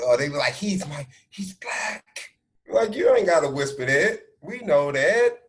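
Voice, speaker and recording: A man's voice: on the high side, expressive, measured pace, a little hiss or hum. A man in his thirties co-hosting a podcast, chatting casually and laughing easily, from home on a video call. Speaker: podcast co-host. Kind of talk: casual conversational interview. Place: indoors at home.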